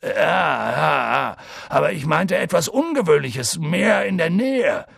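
A man voicing a huge, gruff half-giant gamekeeper in an audiobook, with a rough, grim and wary way of talking. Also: mid-range voice, lively intonation, unhurried, no room sound, clean studio sound, exaggerated voice. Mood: impatient. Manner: grim, wary, gets loud and impatient. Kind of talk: audiobook character voice.

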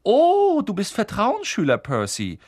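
A man's voice: high-pitched, very animated, normal speed, fairly bright tone, no echo, studio quality, pitched above the performer's own voice, exaggerated voice. A man voicing mischievous teenage twin boys who mock their brother with fake surprise. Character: teasing teenage boy twins, mischievous.

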